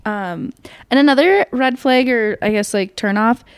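A woman's voice: on the high side, normal speed, clear, resonant tone, no room sound, studio quality. A young woman co-hosting a podcast who gives her opinions casually, saying "like" a lot. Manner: opinionated, filler-heavy with lots of "like". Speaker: podcast co-host. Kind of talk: casual chat.

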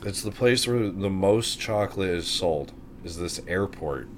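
A man's voice: sits low, animated, unhurried, a little hiss or hum. A man co-hosting a casual podcast, loose and playful, often addressing listeners as folks. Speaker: podcast co-host. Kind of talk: casual chat.

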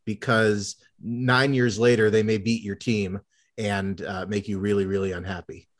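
In a fairly low, flat voice at normal speed, a thirtysomething co-host of a sports podcast rambles through casual sports talk. He's wry and quick to poke fun at himself.

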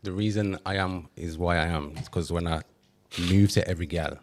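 Deep, fast-talking young man. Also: a little hiss or hum. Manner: blunt, defiant, laughs off challenges. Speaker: podcast guest. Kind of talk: casual podcast banter.

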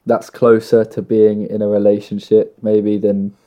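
A man in casual conversation, explaining his point of view in short, halting phrases. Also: fairly low pitch, monotone, dull audio. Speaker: musician.

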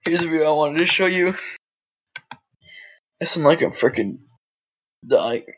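A woman's voice: sits low, animated, measured pace, slightly rough. Giggly swearing woman, lo-fi audio. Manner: giggly, swears a lot, laughs often. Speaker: podcast host. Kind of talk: casual meme-watching chat. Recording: dull lo-fi mp3 audio.

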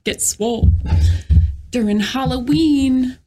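Giggly high-voiced woman co-host. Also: takes it slowly, mellow, faint music behind. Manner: giggly, laughs often. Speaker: podcast co-host. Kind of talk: casual chat.

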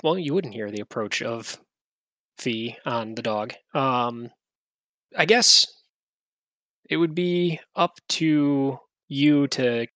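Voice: medium pitch, takes it slowly, long pauses, a bit bright, no echo. A game master running a tabletop game, casually listing options with lots of fillers. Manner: casual, many fillers and restarts, lists items. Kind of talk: tabletop game narration and chat.

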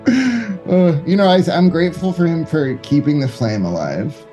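A man's voice: on the high side, lively intonation, normal speed, warm tone, faint music behind. A man co-hosting a casual film podcast, enthusiastic and wry, laughing often. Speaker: podcast co-host.

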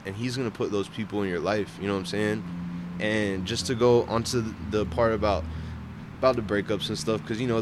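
Young adult male, slightly low register, slangy and sincere faith talk, recorded outside over light traffic noise. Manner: earnest, slangy, addressing listeners as bro. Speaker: barber sharing his faith. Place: outdoors at a park bench. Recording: outdoor urban vehicle noise.

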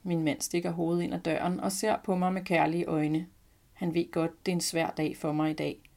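Low-voiced woman reading her own story aloud, calm and quiet, reflective. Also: gravelly. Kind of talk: scripted first-person narration.

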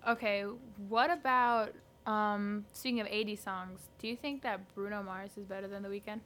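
A young woman co-hosting a podcast, chatting in an animated way with lots of "like" fillers. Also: mid-range voice, moderate pace. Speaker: podcast co-host. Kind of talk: casual chat.

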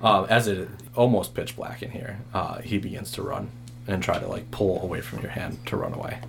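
A man's voice: low-pitched, normal speed, gravelly, noisy background. A man hosting and narrating a tabletop game as game master.

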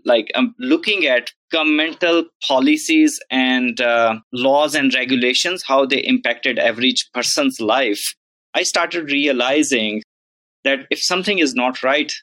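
Man, professor guest on a podcast, reflective, dry close sound, mid pitch. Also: fairly bright tone, no echo, poor audio. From Pakistan. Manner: earnest, reflective, frequent "like" and "right?". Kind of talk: podcast interview storytelling.

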